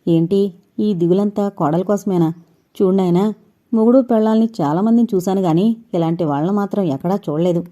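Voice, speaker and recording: A woman's voice: lowish voice, fairly quick, warm tone, close to an everyday voice. A woman voicing a worried mother who scolds her grown son, in an audio novel. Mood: fretful. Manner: scolding, fretful.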